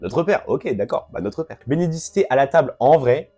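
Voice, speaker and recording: A man's voice: medium pitch, animated, moderate pace, warm tone, faint music behind. A young man in casual vlog commentary, chatty and self-mocking as he rambles through his rankings.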